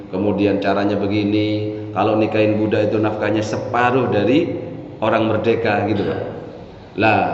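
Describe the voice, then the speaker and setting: A man's voice: medium pitch, a little hiss or hum. A man with an East Javanese accent giving a chatty, joking religious lecture to his congregation. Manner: chatty, joking, addresses listeners directly. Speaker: Islamic preacher. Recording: echoey hall, muffled sound, faint ambience.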